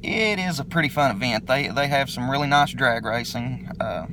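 A middle-aged man from eastern Kentucky with a local accent, talking in a laid-back, halting way as he introduces his vlog in a video recorded on his phone. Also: medium pitch, lively intonation, background noise. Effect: self-recorded phone video. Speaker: motovlogger introducing his channel. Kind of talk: casual unscripted vlog intro.

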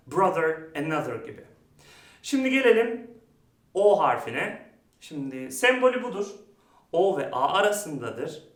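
A man's voice: fairly high pitch, big pitch swings, measured pace, long pauses, a bit bright, far from the mic. A man teaching English pronunciation, stretching out model words and changing his tone often to show sounds. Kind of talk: lesson. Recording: roomy, off-mic sound.

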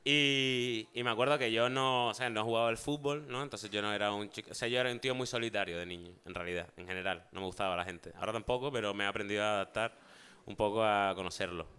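A man's voice: on the low side, fast talker, smooth. A man telling funny childhood stories in casual chat, acting out the voices of people in them. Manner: animated storyteller, acts out voices in anecdotes. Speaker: talk show guest.

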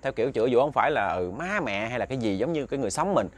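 Male ghost-story narrator, mid-pitched, rambling conversational delivery with fillers. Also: lively intonation, very fast. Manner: conversational retelling with many fillers and repeats.

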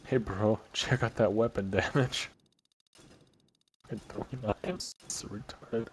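A man's voice: on the low side, steady tone, takes it slowly, husky. Sarcastic man mocking a video game. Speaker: gaming commentator. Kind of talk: casual let's-play commentary.

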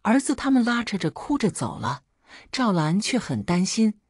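A woman narrating a family drama story in a scripted, expressive reading. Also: medium pitch, moderate pace, no room sound, studio quality.

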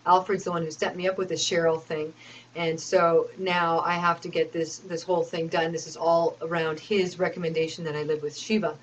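A woman's voice: sits low, muffled recording, a little hiss or hum. A woman telling a rambling personal story, aggrieved and complaining, with many fillers and restarts.

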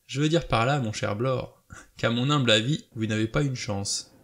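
A man's voice: medium pitch, moderate pace, a bit bright. A man voicing a cool, self-assured adventurer who teases his companion in an audiobook. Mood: mocking.

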